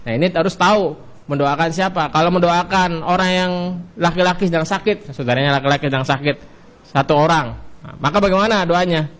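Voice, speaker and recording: A man with an Indonesian accent teaching an Arabic grammar lesson, drilling each form with a rising cue and a falling answer, and drawing out the Arabic words slowly. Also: fairly high pitch, a bit bright. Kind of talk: classroom lesson.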